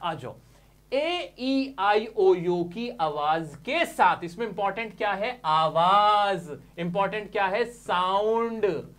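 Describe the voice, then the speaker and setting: A man with a high, slightly bright voice teaches English grammar slowly, with few pauses, explaining each step. He often asks his listeners questions, answers them himself, and calls them dear friends.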